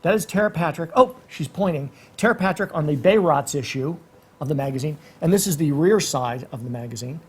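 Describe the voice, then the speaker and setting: A man's voice: on the high side, lively intonation, a little fast, darkish tone, slightly rough. A man hosting a casual interview show, effusive and rambling as he introduces and questions his guest. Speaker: talk show host.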